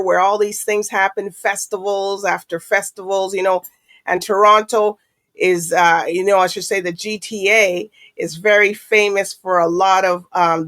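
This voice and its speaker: A woman's voice: mid-range voice, a bit bright, no echo. A woman hosting a talk show in a chatty, casual way, with frequent fillers.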